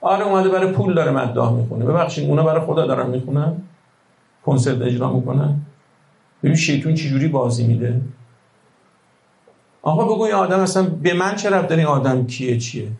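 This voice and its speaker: A man preaching a religious sermon, impassioned and rhetorical, swinging between hushed lines and loud outbursts. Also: fairly high pitch, creaky, pauses often, echoey room, poor audio.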